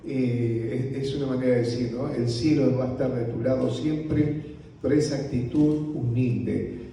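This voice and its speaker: A male pastor with a Rioplatense Spanish accent teaching on leadership in a church, speaking softly and slowly, often ending phrases with a questioning "right?". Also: mid-range voice, steady tone, a little hiss or hum. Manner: slow, unhurried delivery with frequent "¿no?" tags; softly spoken. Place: church hall. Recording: roomy hall audio from a distance.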